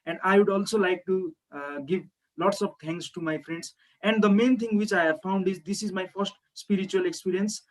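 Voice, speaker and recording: Young nepali guy on a video call, high voice, earnest and a bit hesitant, lots of uhs. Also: fairly even intonation, normal speed, low-quality recording. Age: young adult. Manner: earnest, polite, hesitant with many fillers. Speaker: participant sharing experience. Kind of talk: testimonial on an online call.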